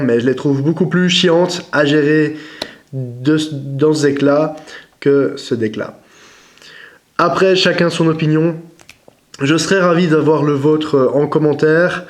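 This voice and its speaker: A young man chatting casually as he opens and rates cards, hesitant, with frequent fillers and apologies. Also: fairly high pitch. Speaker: card-opening vlogger. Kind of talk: casual unboxing commentary.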